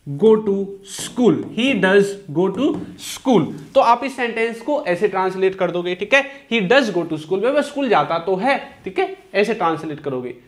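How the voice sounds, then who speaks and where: A man teaching English grammar in Hindi, patient and repetitive, often asking rhetorical questions and slowing down to dictate example sentences. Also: high-pitched, a bit bright. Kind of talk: spoken English lesson explained in Hindi.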